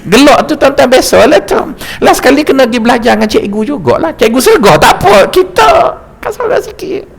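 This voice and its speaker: Lively stammering Malaysian preacher man. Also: extremely high pitch, quick pace, vocal fry, breathy edge. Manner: lively, jokey storytelling with stammered restarts. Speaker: religious teacher. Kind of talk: mosque lecture. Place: mosque lecture hall.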